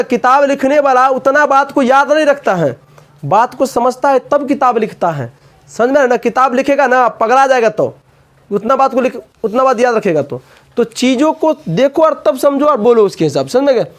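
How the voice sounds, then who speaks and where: A man's voice: extremely high pitch, lively intonation, normal speed. A man teaching a coaching class, often asking students questions and repeating the answers.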